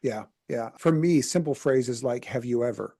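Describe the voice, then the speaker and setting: A man's voice: medium pitch, normal speed, dark tone. A man hosting a podcast interview, talking in an easygoing, affirming way. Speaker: podcast host. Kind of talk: casual interview.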